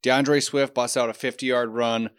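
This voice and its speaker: A man co-hosting a football podcast with a relaxed, measured delivery. He often restarts his sentences as he talks. His mid-pitched voice sounds dry and close, with no room echo. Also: clean tone. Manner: laid-back, measured, with frequent restarts. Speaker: podcast co-host. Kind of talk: casual sports podcast chat.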